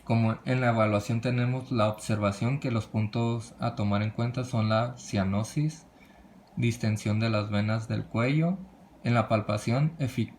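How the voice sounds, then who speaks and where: A man presenting a medical lesson from slides, reading in a halting way with frequent restarts and cut-off words. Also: medium pitch, fairly even intonation, a little mellow, slight background noise.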